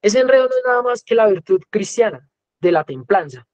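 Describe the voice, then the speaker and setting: Higher-voiced Colombian man lecturing. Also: animated, a little fast, no room sound. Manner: conversational lecturing, often acting out quoted voices. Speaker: music teacher, guest speaker. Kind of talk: educational talk.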